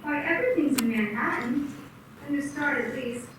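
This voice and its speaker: A wry, resolute young woman, played by a woman with a high voice, speaking quietly. She sounds far off in an echoey room with noise clearly heard behind her. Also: normal speed. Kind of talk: amateur radio play acting.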